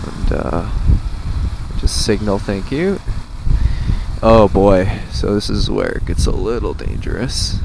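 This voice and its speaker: A man's voice: lowish voice, slow. An American man chatting casually and sarcastically inside a motorcycle helmet as he rides, narrating in a loose, rambling way with some swearing. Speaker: motorcycle vlogger. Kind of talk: casual rambling commentary while riding. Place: outdoors, riding a motorcycle on a freeway. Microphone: helmet comm system microphone. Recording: helmet comm mic, clear vehicle and road noise. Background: traffic and vehicle noise.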